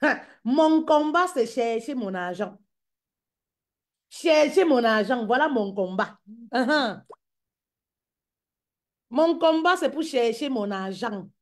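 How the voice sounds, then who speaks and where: A woman's voice: fairly high pitch, lively intonation, takes it slowly, pauses often. A woman giving a motivational talk to women as a business coach, emphatic and repetitive, calling her listeners queens and mama.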